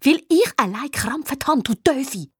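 A woman voicing a snippy know-it-all schoolgirl, talking in a sharp, hissing way. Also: high-pitched, animated, normal speed, no room sound, studio quality, pitched above the performer's own voice. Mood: snapping.

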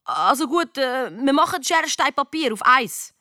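A woman's voice: high voice, very animated, a little slow, pushed and bright, no echo, clean studio sound, voice pushed up, exaggerated voice. A woman voicing a blunt schoolboy in a storybook, grumbling and direct. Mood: decisive.

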